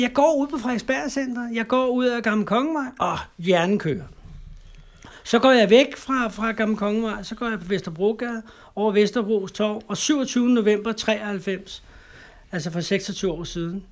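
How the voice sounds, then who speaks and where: This middle-aged Danish man has a high voice and is a guest in an interview. He tells his personal story conversationally, halting and repeating words, and often ends his lines with tag questions.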